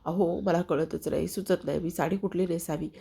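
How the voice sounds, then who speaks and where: A woman narrator voicing a fretful middle-aged wife fussing over what to wear, in her own husky voice. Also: on the low side, fairly even intonation, normal speed, dark tone, full character voice. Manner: pleading, fretful. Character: fussy middle-aged wife choosing sarees.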